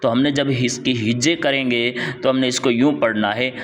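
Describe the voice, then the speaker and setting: A man teaching Quran letter reading, drawing out each syllable in a slow chant, then explaining quickly and repeating sounds patiently. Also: medium pitch, fairly even intonation, fairly bright tone, big-room sound. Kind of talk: step-by-step recitation lesson.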